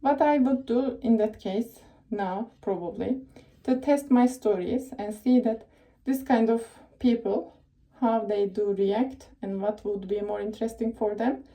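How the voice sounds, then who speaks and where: A young Turkish woman working in tech gives casual career advice in a Turkish accent, rambling and chatty, full of fillers and self-corrections. Her voice is fairly high, dark in tone and fairly even, her pace a little slow, and the audio is poor.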